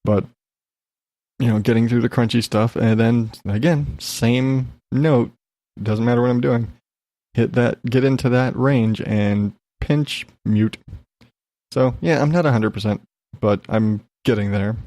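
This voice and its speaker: A man with a mid-range, mellow voice talks a little slowly and steadily, hosting a solo podcast. He rambles candidly and swears through a casual personal update, sounding a bit congested as he shakes off an illness. The recording is dry.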